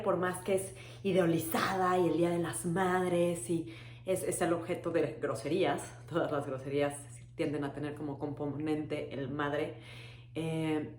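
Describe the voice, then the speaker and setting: A woman's voice: on the low side, darkish tone, roomy sound, a little hiss or hum. A young adult woman from Mexico with a Mexican accent, giving a reflective personal talk with hesitant restarts. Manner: thoughtful, frequent hesitant restarts. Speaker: webinar speaker.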